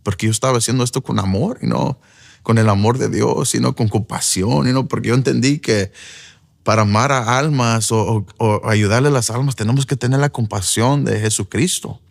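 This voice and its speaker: A man's voice: medium pitch, moderate pace, creaky. A man giving an earnest personal testimony as a preacher, slipping in English fillers. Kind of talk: emotional first-person testimony.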